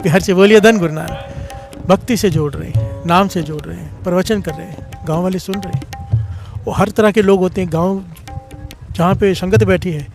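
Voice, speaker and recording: High-voiced man preaching a sermon. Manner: storytelling, half-sung phrases, swells in pitch when moved. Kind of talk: devotional sermon with call-and-response.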